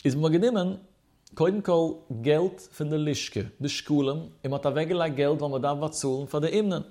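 A man's voice: fairly high pitch, normal speed, dark tone. A man teaching a Talmud study lesson, explaining step by step with rhetorical questions and mixing in Hebrew study terms. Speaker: religious teacher.

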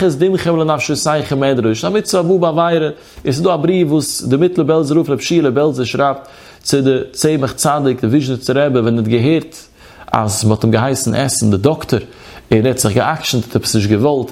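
A man's voice: medium pitch, darkish tone. A man with a Yiddish accent giving a rabbinic lecture in a chanting sing-song study cadence. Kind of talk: Torah lecture on Yom Kippur fasting law.

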